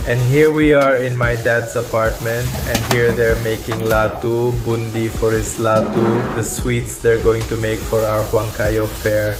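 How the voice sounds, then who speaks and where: A man's voice: mid-range voice, flat delivery, measured pace, hardly any pauses. A man vlogging casually, commenting on food and family for his viewers. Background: music, clinking dishes.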